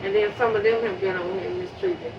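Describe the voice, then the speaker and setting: A woman's voice: medium pitch, brisk. A woman, a public housing resident, speaking earnestly about a neighbor she remembers and often repeating herself as she goes. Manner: earnest, repeats and restarts words. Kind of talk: emotional spoken remembrance. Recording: distant mic, muffled sound, steady background noise.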